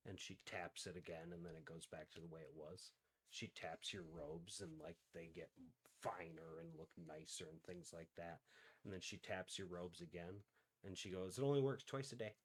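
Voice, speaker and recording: A man's voice: low voice, flat delivery, moderate pace, fairly bright tone, slightly rough. A man narrating as game master in a casual tabletop game, loose and full of fillers.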